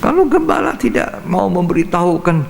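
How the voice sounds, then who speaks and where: A man's voice: sits high, sing-song, fairly quick, gravelly, slight background noise. An older man preaching a Bible study sermon as pastor, emphatic and repetitive, acting out scenes, in a reverberant church hall.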